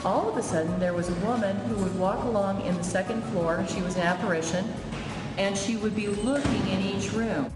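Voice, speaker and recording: A woman's voice: medium pitch, fairly quick. A woman, a ghost tour guide, telling stories to a tour group. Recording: echoey room, loud music behind. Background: loud background music.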